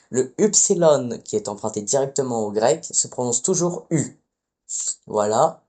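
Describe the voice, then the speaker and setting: A man's voice: mid-range voice, warm tone. A man giving a casual spoken lesson as a teacher, hesitant and often correcting himself mid-phrase. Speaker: Latin teacher.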